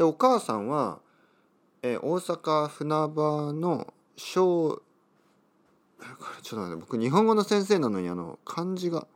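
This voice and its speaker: A middle-aged man from Kyushu, a Japanese language teacher, reads a text slowly for learners and restates each part in easier words, stopping to puzzle over hard names. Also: medium pitch. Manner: reads text aloud slowly, then rephrases it in simpler words; stops and wonders aloud how to read place names. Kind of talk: explaining a reading for Japanese learners.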